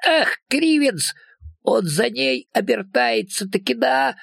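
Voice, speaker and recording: Guy doing squeaky lil fairy rascals, rough rustic talk, husky, dry close sound. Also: lively intonation, slow, fairly bright tone, no room sound, full character voice. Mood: excited. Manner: broad rustic dialect, squeaky chatter. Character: tiny rough-spoken male fairy folk, cheeky. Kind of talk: audiobook character voice.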